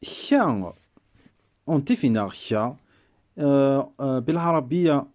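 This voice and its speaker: A man slowly teaching an alphabet letter by letter, hesitant and full of fillers, switching between languages. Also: mid-range voice, expressive, a little mellow. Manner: slow, hesitant, many fillers. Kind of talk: alphabet lesson.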